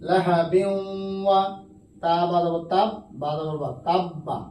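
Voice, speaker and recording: A man with a Bangladeshi Bengali accent teaching Quran reading, spelling out letters and vowel marks slowly in a drawn-out, melodic way. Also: high voice, fairly even intonation, mellow, a little hiss or hum. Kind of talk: spelling-out recitation lesson. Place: madrasa classroom. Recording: echoey room, mic at a distance, faint background ambience.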